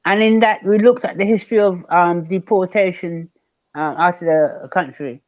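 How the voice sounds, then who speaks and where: An older man from Barbados, speaking as a guest elder in an online panel discussion, measured and emphatic, repeating key words. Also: high-pitched, no room sound, highs cut off.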